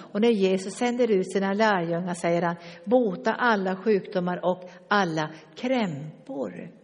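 Older preacher, lively, in a reverberant hall. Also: medium pitch. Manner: lively storytelling with asides, drops to soft tones for tender passages. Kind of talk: sermon.

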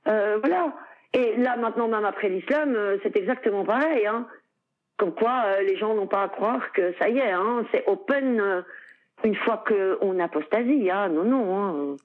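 A woman's voice: medium pitch, normal speed. Middle-aged belgian woman chatting away, lots of euh and laughs, sounds like a phone line. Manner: chatty, many fillers, frequent laughs. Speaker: interview guest. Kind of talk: casual conversational interview.

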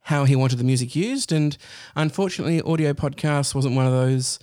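A man hosting a casual podcast in a studio, chatty and quick to laugh, with a slight lisp from a bitten tongue. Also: medium pitch, a little mellow, no echo. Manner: chatty, laughs often, hesitant fillers. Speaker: podcast host.

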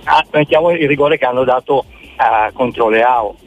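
A man's voice: mid-range voice, normal speed. An older man from the Milan area calls in to a sports radio show by phone, rambling through his opinions and addressing the listeners directly. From Milan area of northern Italy. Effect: phone-line caller heard over the radio. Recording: muffled phone line with faint hiss.

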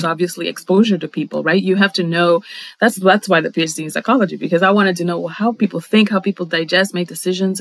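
A middle-aged Dominican woman, guest in a reflective conversational interview, speaks thoughtfully and articulately, though with frequent fillers and restarts. Her voice is fairly low, and the recording is dry and low quality.

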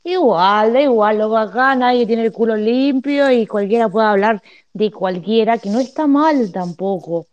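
Calm conciliatory woman, muffled audio. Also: fairly high pitch, normal speed, smooth. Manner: calm, conciliatory, trying to settle a fight. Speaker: participant in an online audio chat. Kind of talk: online group discussion.

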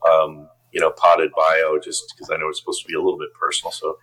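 A man's voice: very deep voice, monotone, quick pace, sharp tone, slightly rough, poor audio. A man in his fifties from upstate New York, a podcast guest chatting casually and self-deprecatingly about his life. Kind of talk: casual interview chat.

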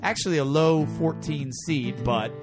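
With music playing in the background, a man co-hosting a laid-back rock podcast kids around while going through a bracket. He reads the matchups in a playful announcer style, his voice fairly high and unhurried.

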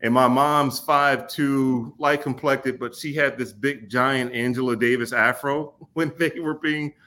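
A man in his forties from Kentucky, a podcast guest telling stories in an unhurried way with frequent ums and restarts. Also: mid-range voice, steady tone, bright, forceful tone. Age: 40s. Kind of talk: casual podcast interview.

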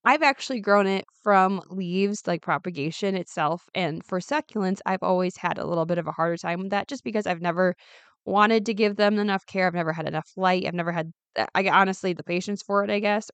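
A woman podcast host talks in a raspy, faintly gravelly voice, hoarse with a cold. Her pitch sits in an ordinary female range. She chats informally and corrects herself as she goes, in a close, dry recording. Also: no room sound. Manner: chatty, informal, self-correcting. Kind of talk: casual solo podcast talk.

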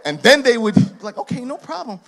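This Haitian-heritage preacher speaks fast in a strikingly high, creaky voice with big pitch swings. His sermon drives home points through emphatic repetitions that build to shouting, punctuated by laughing, conversational asides.

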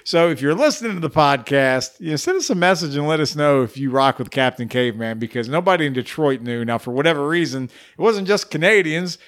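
Smooth-voiced American man, chatty podcast co-host. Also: on the high side, a little fast, few pauses. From United States. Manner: joking, animated storyteller. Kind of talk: casual chat.

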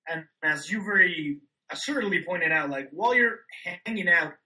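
A man's voice: on the high side, lively intonation, normal speed, sharp tone, poor audio. A man co-hosting a podcast in casual chat, telling loose rambling stories, recorded over a remote call. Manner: rambling, loose, many "like" fillers, laid-back storytelling. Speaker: podcast co-host. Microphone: remote call microphone.

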